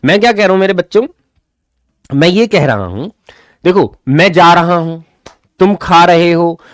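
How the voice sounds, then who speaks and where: A man teaching English grammar in a live online class, talking fast, then slowing right down to spell out English example sentences. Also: sits high, lively intonation, no room sound, clean studio sound.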